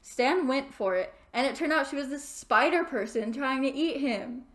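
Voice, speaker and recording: A young woman vlogging in her bedroom, telling a story in a rambling, animated way with lots of filler words. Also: high-pitched, moderate pace. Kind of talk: casual storytelling to camera.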